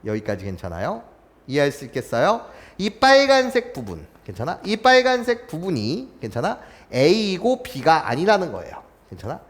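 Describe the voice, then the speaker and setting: A man's voice: on the high side, wildly swooping pitch, normal speed, long reverb tail. A man tutoring a math class, playful and chuckling, who keeps stopping to ask whether his students follow. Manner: keeps checking in with students, asking if they follow; playful, chuckles between points.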